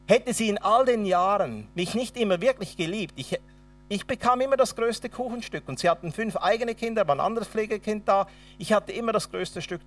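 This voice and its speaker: A man with a high-pitched voice and a Swabian accent preaches a sermon, recorded far from the mic. He tells his own testimony as a dramatic storyteller, acting out the dialogue.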